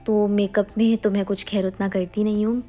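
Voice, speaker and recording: A woman's voice: medium pitch, little pitch movement, moderate pace, mellow. A young woman vlogger chattily narrating her daily routine in a casual voice-over, with frequent fillers and self-corrections.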